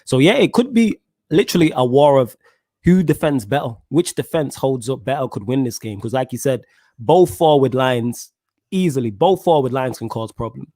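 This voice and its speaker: A man's voice: medium pitch, animated, moderate pace, dark tone, no echo. London roadman-style man hosting, dry close sound. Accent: London, roadman-style street slang. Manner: slangy street talk, addressing listeners and co-host. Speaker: podcast host. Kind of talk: casual football fan podcast chat.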